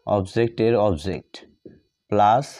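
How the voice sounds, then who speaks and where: This grammar lesson comes from a man with a Bengali accent who teaches like a classroom teacher, repeating phrases step by step as though dictating while writing examples. His dark voice is on the low side and a little slow, captured as clean studio sound with no room noise.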